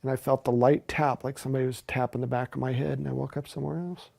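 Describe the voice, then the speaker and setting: A man's voice: medium pitch, flat delivery, fast talker, vocal fry, darkish tone. A man earnestly recounting a personal experience as an interviewee, with emphatic storytelling.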